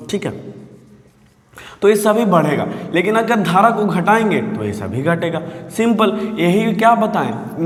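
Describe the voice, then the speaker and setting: A high-voiced male physics teacher gives a classroom lesson in an echoey room with long reverb. He keeps checking understanding, repeats phrases, and calls his viewers "sir."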